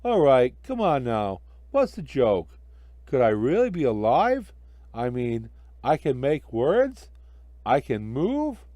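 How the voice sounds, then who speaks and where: A man voicing a jolly, childlike storybook snowman who exclaims slowly in wonder at being alive. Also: medium pitch, big pitch swings, dark tone, dry recording. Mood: amazed, joyful. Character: jolly, childlike, amazed snowman come to life.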